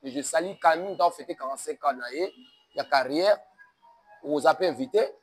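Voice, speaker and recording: A man from DR Congo speaks a little fast in a voice on the high side, with a Congolese French accent. His interview talk has an emphatic, sermon-like cadence as he mixes French with Lingala.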